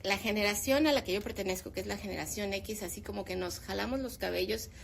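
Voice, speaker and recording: A woman in her fifties speaks in a gravelly voice at a middle pitch, a teacher sharing strong opinions in relaxed conversation. She grows animated when she presses a point. A faint noise sits under the recording. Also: quick pace. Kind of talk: casual discussion.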